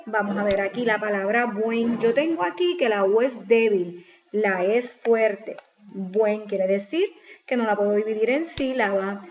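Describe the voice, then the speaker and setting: Step by step, a woman teacher patiently explains a spelling exercise, raising questions and then supplying the answers. Her medium-pitched voice is a little mellow and measured in pace, captured in a slightly dull, lo-fi recording with faint noise.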